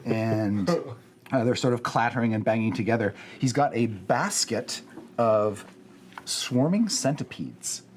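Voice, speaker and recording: A man in a tabletop game describing a creature slowly, with halting fillers. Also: mid-range voice, animated, a little hiss or hum. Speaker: player and narrator.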